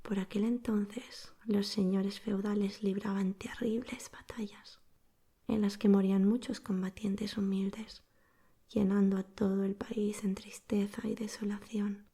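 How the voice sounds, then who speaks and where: A woman telling a guided bedtime story in a soft, breathy, soothing ASMR whisper. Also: medium pitch, little pitch movement. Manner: soothing, slow-paced, hushed narration.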